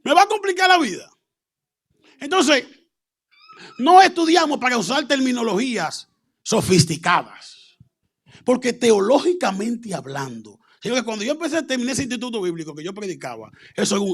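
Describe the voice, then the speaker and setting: A man preaching a humorous teaching sermon, animated, laughing often and breaking into shouts. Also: very high-pitched, normal speed.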